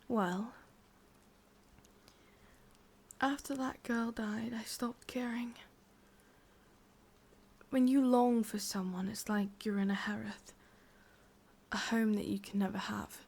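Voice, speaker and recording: Soft, breathy whispers and thoughtful pauses carry this English woman's portrayal of a lovelorn ancient witch in an intimate ASMR roleplay. She speaks in a mid-range voice, sounding wistful and sorrowful.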